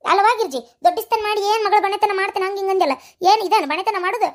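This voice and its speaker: Lady voicing a squeaky high old granny, north karnataka accent, rattles off curses nonstop in a cartoon. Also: very fast. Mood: cursing. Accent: North Karnataka Kannada. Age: older. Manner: scolding, heaping curses. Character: fiery cursing old grandmother, sharp-tongued. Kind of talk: cartoon voice acting.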